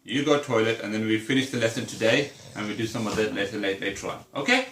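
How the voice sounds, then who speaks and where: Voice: mid-range voice, fast, fairly bright tone. A teacher patiently guiding a young child through counting, with simple repeated questions. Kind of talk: one-to-one early maths lesson, counting aloud. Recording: echoey room.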